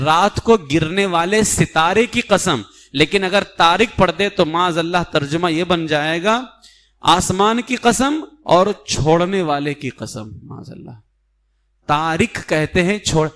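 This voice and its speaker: A man, a mufti, giving a religious lesson in a mosque on reciting the Quran, explaining patiently and slowly sounding out Arabic letters to show how they are said. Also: sits high, a bit bright. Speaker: mufti teaching a Quran class.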